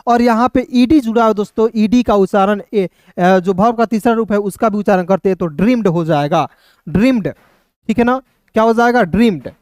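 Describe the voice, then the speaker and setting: A male English teacher walks through spelling and pronunciation rules, sounding out letters before saying each word. His voice is smooth and clear. The recording is close and dry, with no room sound. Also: sits high, fairly quick, a little mellow, dry recording. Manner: spells words letter by letter, often repeating "दोस्तों".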